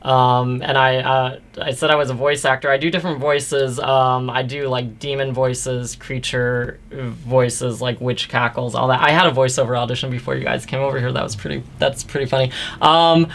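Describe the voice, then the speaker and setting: A man in his thirties, a guest actor telling stories in a casual interview, open and quick, with playful quoted asides. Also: medium pitch, steady tone, gravelly, fairly bright tone. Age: 30s.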